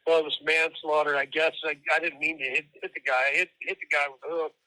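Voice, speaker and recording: A man talks over a prison phone line in a halting, plain way, starting over and repeating words as he goes. His voice is raised and very bright, with a sharp, cutting edge. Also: on the high side, little pitch movement. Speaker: prison inmate calling in. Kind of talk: candid phone call.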